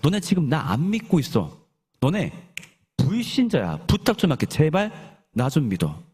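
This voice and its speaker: A man's voice: on the high side, wildly swooping pitch, moderate pace, darkish tone, breathy edge, full character voice. A male pastor acting out Jesus in a sermon as an exasperated grown man who speaks bluntly and casually to his followers. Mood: pleading.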